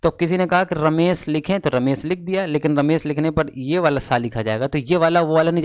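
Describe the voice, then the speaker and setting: A man teaching English vocabulary in Hindi, slowly explaining words and mixing English phrases into his speech. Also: a little high, dry recording, clean studio sound. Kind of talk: classroom lesson in Hindi.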